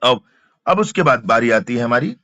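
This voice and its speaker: A male teacher, repeating each word slowly and drilling pronunciation. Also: mid-range voice, very animated, sharp tone, no echo. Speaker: vocabulary teacher. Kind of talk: exam-prep vocabulary lesson. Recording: dull, dry lo-fi sound.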